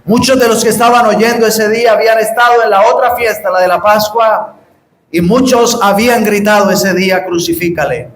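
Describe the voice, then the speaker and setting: High-voiced preacher in an echoey hall. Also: male voice, fairly even intonation, a little hiss or hum. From Colombia. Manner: earnest, pleading, slows down and rises to emphatic calls. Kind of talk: sermon. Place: church hall. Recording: echoey church room.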